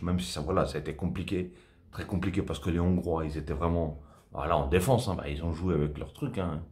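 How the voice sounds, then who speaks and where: A man's voice: low-pitched, darkish tone. A man in his thirties giving a casual, chatty football match debrief to camera from a small room at home, full of fillers and repeated words. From Portuguese heritage. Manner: chatty, repetitive fillers, enthusiastic. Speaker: football vlogger.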